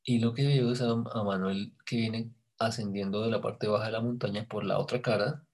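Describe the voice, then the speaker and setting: A man recounting a past experience in casual conversation, hesitant and searching for words, often dropping to a hushed near-whisper when he quotes his own thoughts. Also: lowish voice, steady tone, moderate pace. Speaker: storyteller in a conversation. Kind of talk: casual spoken recollection.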